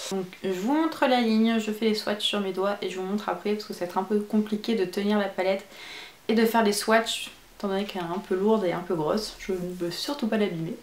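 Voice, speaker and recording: A woman's voice: medium pitch, brisk, darkish tone, slight background noise. Chatty woman reviewing makeup, echoey room. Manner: chatty, enthusiastic describing shades. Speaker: beauty vlogger.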